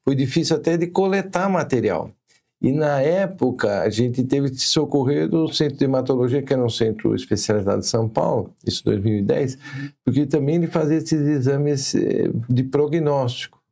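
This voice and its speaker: Gravelly, dark-voiced Brazilian doctor explaining. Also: male voice, mid-range voice, normal speed. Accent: Brazilian Portuguese. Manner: explanatory, hesitant with restarts. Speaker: physician guest. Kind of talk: explaining medical details in an interview.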